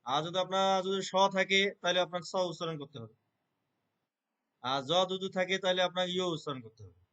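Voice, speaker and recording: An earnest man answers questions in a relaxed conversational way. His voice sits a little high for a man. He leans on filler words and keeps checking that the listener is following. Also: clear, resonant tone. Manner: earnest, repeats filler words, chants verses rapidly in recitation. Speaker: Gita reciter.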